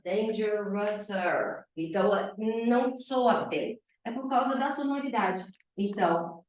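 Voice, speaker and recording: A woman teaching English in a classroom, speaking slowly and repeating each example word. Her voice reaches the camera from across the room. The hard walls give it a heavy echo. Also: a little high. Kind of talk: bilingual classroom lesson. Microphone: camera at a distance. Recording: echoey room, far from the camera.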